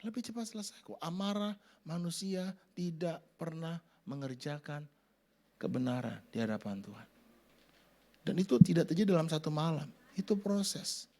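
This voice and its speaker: A middle-aged man preaching a sermon, acting out family scenes in sudden loud voices. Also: on the high side, moderate pace. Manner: animated, acts out family scenes with shouted voices. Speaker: pastor.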